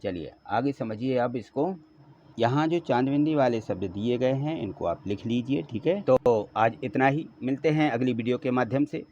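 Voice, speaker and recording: A male teacher talks through workbook exercises in a patient, steady way. He repeats each word slowly so students can follow. His voice sits at a middle pitch, and the recording sounds a little dull and lo-fi. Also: a little hiss or hum. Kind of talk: workbook lesson explanation.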